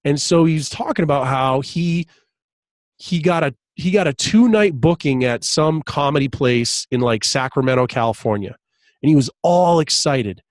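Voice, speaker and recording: A man with a somewhat high voice tells a long story in a relaxed podcast conversation. He laughs often and jumps his voice up when acting out what others said. The sound is dry and close to the mic. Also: normal speed, no room sound. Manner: animated, laughs often, acts out quotes in raised voice. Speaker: podcast guest, hypnotist. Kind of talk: casual storytelling chat.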